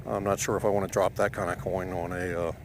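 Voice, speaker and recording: Low-voiced American man talking inside a helmet. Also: flat delivery. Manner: halting, hesitant, searching for words. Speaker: motorcycle vlogger. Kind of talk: casual rambling vlog narration while riding. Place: outdoors on a moving motorcycle. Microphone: microphone inside helmet by the mouth. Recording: noisy helmet mic, engine and road noise.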